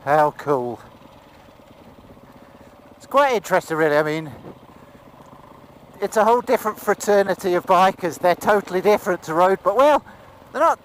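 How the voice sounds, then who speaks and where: A man talking inside his motorcycle helmet as he rides a muddy outdoor dirt trail. He gives casual, excitable commentary and often whoops and laughs. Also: high-pitched, moderate pace, pauses often, a little hiss or hum, rough recording. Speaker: dirt bike rider filming his ride. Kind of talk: casual commentary while riding.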